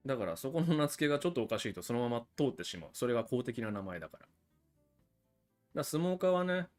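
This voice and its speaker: A man's voice: medium pitch, sing-song, fast talker, a little mellow, soft background music. A man hosting a livestream about cigars, explaining things in a chatty, casual way with frequent asides to viewers. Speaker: cigar channel host.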